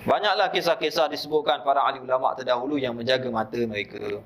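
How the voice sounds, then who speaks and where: Bright-voiced Malaysian preacher telling a story. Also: male voice, medium pitch, fairly even intonation, fast. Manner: storytelling with quoted dialogue and frequent asides. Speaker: religious teacher. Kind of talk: evening mosque lecture. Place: mosque lecture hall.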